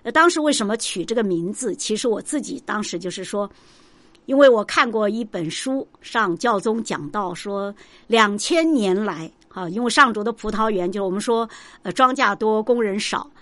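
A woman's voice: medium pitch, moderate pace, fairly bright tone, no echo. Woman, devotional program host, earnest, conversational, many fillers, dry close sound. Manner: earnest, retells Bible scenes with many fillers. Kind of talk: reflective spiritual sharing, conversational.

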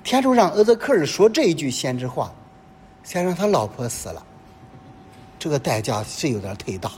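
Man preaching with lively pitch. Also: normal speed. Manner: animated preaching full of rhetorical questions. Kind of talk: sermon. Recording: long reverb with faint low rumble.

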